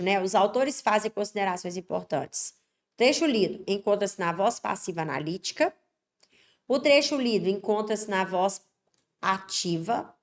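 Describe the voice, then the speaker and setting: A Brazilian woman teaching Portuguese for exams, emphatic and chatty, constantly checking in with tag questions and slightly congested from an allergic cold. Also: medium pitch. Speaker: Portuguese teacher for exam prep. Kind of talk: online exam-prep lesson.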